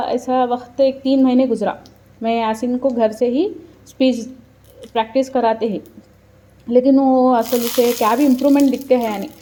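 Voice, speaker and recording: A woman's voice: fairly high pitch, warm tone, muffled recording. A woman with a Hyderabadi accent telling a personal story in a casual, earnest way, acting out what people said. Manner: earnest, chatty, quotes people aloud. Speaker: mother telling her story.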